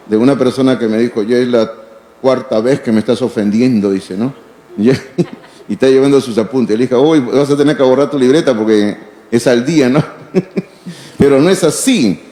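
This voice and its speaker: A man preaching a sermon as pastor, emphatic, slowing down to stress key words and asking rhetorical questions. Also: on the high side, darkish tone. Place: church hall. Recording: echoey hall.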